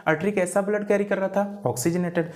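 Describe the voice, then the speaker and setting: A man's voice: high-pitched, steady tone, fairly quick, darkish tone. A man teaching a classroom biology lecture, who keeps asking rhetorical questions, repeats key terms, spells words out letter by letter and calls the students "beta".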